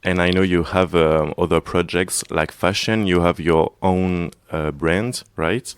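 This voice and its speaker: Deep guy doing radio interview, smooth voice, short friendly questions. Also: steady tone, unhurried. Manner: friendly, simple questions, brief acknowledgements.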